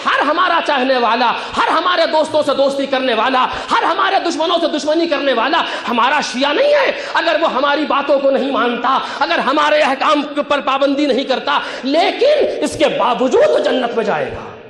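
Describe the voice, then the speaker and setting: A man giving a religious sermon as a cleric, preaching with passion, climbing to shouted peaks and reciting Arabic phrases. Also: very high-pitched, very animated, hardly any pauses, roomy sound, big-room sound.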